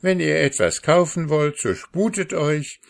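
Brief: male reader putting on a brisk, annoyed market wife, storybook. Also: fairly high pitch, creaky, pitched above the performer's own voice. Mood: impatient. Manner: curt, impatient. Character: impatient shoemaker's wife, market seller.

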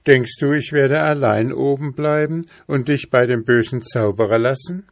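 A man's voice: medium pitch, moderate pace, no room sound, studio quality, voice pushed up, lightly acted. A man voicing a cheeky, defiant young boy in a fairy tale.

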